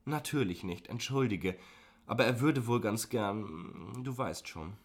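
A man's voice: fairly low pitch, lively intonation, measured pace, pitched above the performer's own voice. A male audiobook reader voicing a young female assistant who sounds cool and worn out. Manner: cool and weary. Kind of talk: audiobook dialogue.

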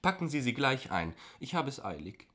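A man's voice: sing-song, normal speed, a bit bright. A male audiobook reader voicing a rich, naive and pushy woman, raising his voice to sound bossy and wheedling. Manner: bossy, wheedling, high put-on voice. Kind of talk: audiobook dialogue.

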